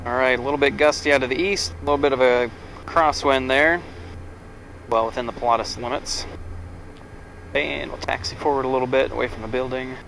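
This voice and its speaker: A male pilot narrates his checks in a casual, matter-of-fact way. His voice is mid-pitched, recorded in an aircraft cockpit with faint noise behind it. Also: fairly even intonation, a little fast, gravelly, fairly bright tone, rough recording. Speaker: pilot and presenter.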